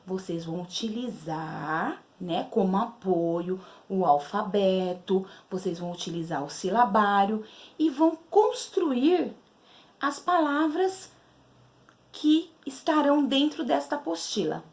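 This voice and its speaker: Slow, lively-voiced woman teacher. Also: mid-range voice. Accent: Brazilian Portuguese. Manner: slow, patient, explaining step by step. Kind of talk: literacy lesson to children.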